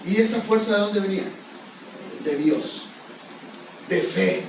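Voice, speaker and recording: A man's voice: sits high, sing-song, slow pace, slight background noise. A male pastor preaching a sermon, pressing the congregation with repeated questions. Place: church sanctuary. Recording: echoey church hall, far from mic.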